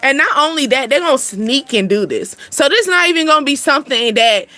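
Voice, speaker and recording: A woman's voice: high-pitched, expressive, fairly quick, sharp tone. A woman hosting a casual card reading for viewers, slangy, blunt and playful, laughing often. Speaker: spiritual card reader and channel host.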